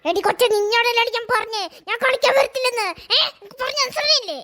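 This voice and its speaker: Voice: very high-pitched, fast, very noisy. A performer voicing a magic Barbie doll in a cartoon, a doll girl who has grown big and talks in a curt, scolding way. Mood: snappish. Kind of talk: cartoon voice acting.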